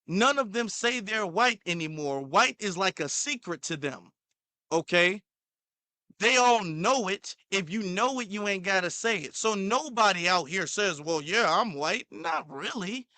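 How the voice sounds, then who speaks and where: A man's voice: high voice, lively intonation, a little slow, bright, forceful tone, dry recording. A man hosting a commentary channel, reacting to a clip in a heated, repetitive way, sometimes stumbling over his words.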